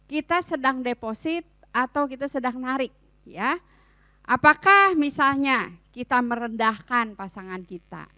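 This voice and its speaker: Middle-aged woman, fairly high voice, dry close sound, chatty church seminar talk, playful humor. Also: a little slow, pushed and bright, dry recording. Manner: chatty, addresses the audience often, colloquial fillers. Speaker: family seminar speaker.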